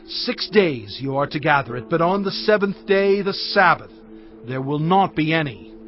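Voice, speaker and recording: An actor playing Moses as a stern, commanding leader in a solemn, declamatory dramatized scripture reading. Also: male voice, fairly high pitch, expressive, normal speed, lightly acted. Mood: firm, instructing. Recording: dull band-limited audio with music.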